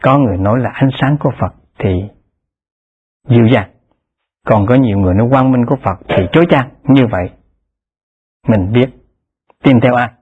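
A man delivers a Pure Land Buddhist dharma talk, husky and unhurried. He keeps a steady, repetitive teaching cadence, his voice lifting to stress key terms. The recording is thin and tinny, like a phone line. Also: mid-range voice.

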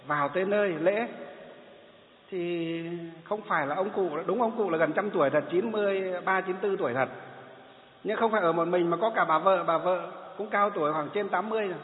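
Monk telling a story. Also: male voice, high-pitched. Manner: animated storyteller, repeats phrases. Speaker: Buddhist monk. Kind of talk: storytelling sermon. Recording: tinny phone-like sound in an echoey hall.

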